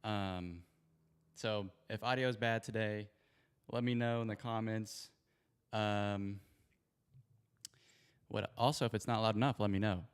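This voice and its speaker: Pausing often, a man with a fairly low, steady, clear and resonant voice hosts a sports livestream at a measured pace. He chats casually, rambling and apologizing, into a spare handheld mic inside his echoey home garage.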